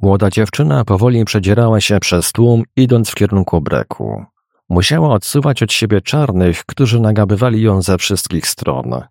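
A man's voice: fairly low pitch, sing-song, moderate pace, vocal fry, darkish tone, no echo, clean studio sound. A man narrating an adventure novel as an audiobook, reading expressively. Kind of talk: scripted narration.

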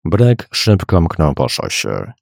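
A man's voice: extremely low pitch, wildly swooping pitch, slow pace, vocal fry, darkish tone, dry recording, studio quality. A man narrating an adventure novel as an audiobook, reading expressively. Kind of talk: scripted narration.

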